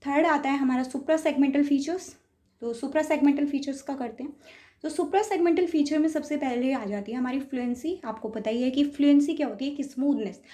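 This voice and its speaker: Woman teacher, bit high voice, patient lecture, explains step by step. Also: dark tone. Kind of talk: lecture on speech, mixing Hindi and English terms.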